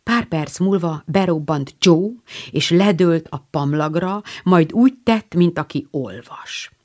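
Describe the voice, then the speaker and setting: A woman's voice: on the low side, darkish tone. A woman narrating a classic novel as an audiobook, telling the story expressively. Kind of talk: scripted narration.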